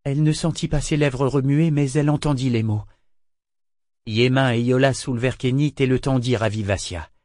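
A man narrating a fantasy novel in a steady, measured way. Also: medium pitch, dry recording, studio quality. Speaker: audiobook narrator. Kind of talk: dramatic audiobook narration.

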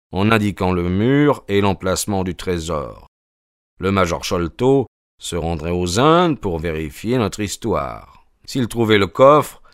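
A man reading an audiobook, narrating a first-person story in a measured, steady way. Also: sits low, clean tone, no room sound, clean studio sound. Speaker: audiobook reader.

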